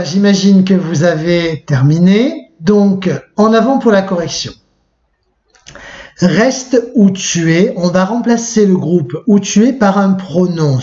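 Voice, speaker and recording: A male teacher with a fairly high voice gives a video grammar lesson to young pupils. He explains patiently step by step and slows down on each example form. The recording sounds dull and lo-fi. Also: a little mellow. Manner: patient, explains step by step, repeats "d'accord?" often; slows down to spell out example forms. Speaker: French teacher.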